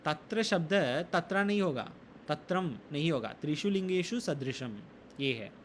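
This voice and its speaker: Guy teaching sanskrit grammar to a class, slow and patient, bit high voice, faint noise in the room. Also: lively intonation. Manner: slow explaining, quizzes students, recites sutras. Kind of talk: classroom lesson in Hindi.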